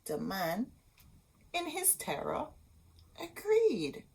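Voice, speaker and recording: A woman with a high, gravelly voice reads a children's storybook aloud, her pitch swooping wildly and her words drawn out. As a storytime host, she reads expressively and adds asides directly to her young listeners. There is background noise.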